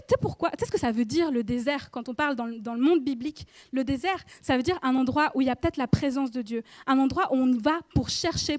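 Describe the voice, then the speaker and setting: A woman's voice: high-pitched, no room sound. A woman in her thirties giving an informal sermon in church, chatty and speaking directly to the listener with frequent questions. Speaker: preacher.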